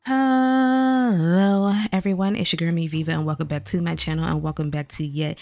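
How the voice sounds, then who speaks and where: Chatty woman gaming vlogger, groggy morning rasp, faint music bed. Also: deep voice, steady tone, fast, a little mellow. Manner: chatty, addresses viewers directly as "y'all". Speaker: gaming video creator. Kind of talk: casual game overview vlog.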